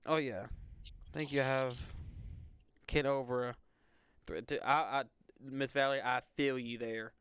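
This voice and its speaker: A man's voice: medium pitch, steady tone, measured pace, long pauses, a bit bright, clean tone. A young man from Alabama, hosting live weather coverage in a casual, rambling way with lots of fillers. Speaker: weather stream host.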